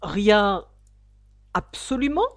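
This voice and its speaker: A woman's voice: medium pitch, big pitch swings, extremely slow. A woman voicing a fussy, muddled storybook king who speaks with pompous emphasis.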